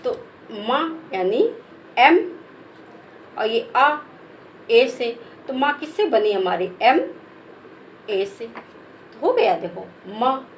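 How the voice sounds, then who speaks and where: A woman teacher, spelling out words letter by letter in a slow, patient lesson for children. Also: fairly high pitch, expressive, a little hiss or hum, low-quality recording. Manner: patient, spells letters one by one, calls listeners "beta".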